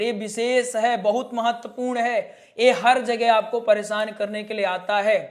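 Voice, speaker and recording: A man teaching Sanskrit pronunciation in a slow spoken lesson, drawing out syllables and asking his viewers questions. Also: very high-pitched. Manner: drawn-out, deliberate syllables, repeating rules and asking the viewers questions.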